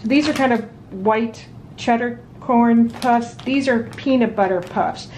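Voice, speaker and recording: A woman chatting casually at home while showing off her weekly grocery haul, relaxed and full of ums and restarts. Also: on the high side, a little slow, slight background noise. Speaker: vlogger. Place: home dining room at a table.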